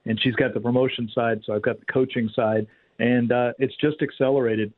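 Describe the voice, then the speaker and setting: A man heard over a narrow, phone-like talk radio line, the sound dry and closed-in. He speaks in a candid, plain-spoken way with lots of "uh"s. His voice sits at an ordinary pitch for a man. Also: fairly even intonation, fairly quick, no room sound. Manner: candid, plain-spoken, many filler words. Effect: tinny phone line on a talk radio broadcast. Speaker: guest firearms and martial arts instructor. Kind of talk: radio interview guest.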